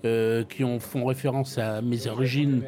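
Older French man, restaurateur, halting and repetitive, mid-pitched. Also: level tone, dark tone. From France. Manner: hesitant, frequent repeated words and restarts. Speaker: restaurant owner. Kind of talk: interview, casual storytelling.

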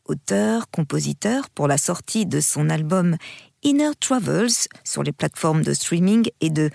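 A woman's voice: low voice, animated, unhurried, gravelly, darkish tone, no echo, clean studio sound. A woman presenting a wellness show as a public radio host.

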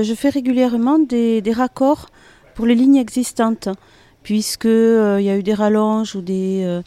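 Female interview guest, Toulouse accent, mellow and dry-sounding, hesitant conversational delivery. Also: mid-range voice, dry recording. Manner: hesitant, searching for words, often chuckling. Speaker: guest, metro announcer and singer. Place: hotel courtyard in city centre.

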